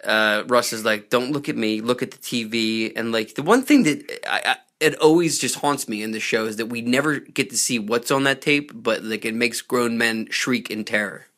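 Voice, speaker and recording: A man hosting a casual podcast, rambling and animated as he recaps a TV episode. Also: medium pitch. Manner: rambling, animated, does quick impressions of characters. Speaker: podcast host.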